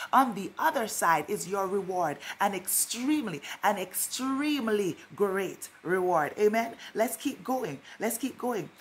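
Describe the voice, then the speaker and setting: A woman's voice: mid-range voice, a bit bright, a little hiss or hum. Fervent woman preaching with emphatic repetition. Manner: fervent, repeats phrases for emphasis. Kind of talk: sermon.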